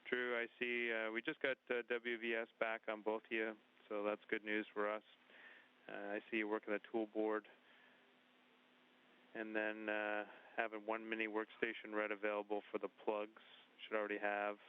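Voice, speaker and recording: A man guiding astronauts through a spacewalk task, giving calm, measured directions over a space-to-ground radio link. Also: fairly low pitch, smooth, phone-quality sound. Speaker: ground controller talking to spacewalkers. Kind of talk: procedural radio instructions.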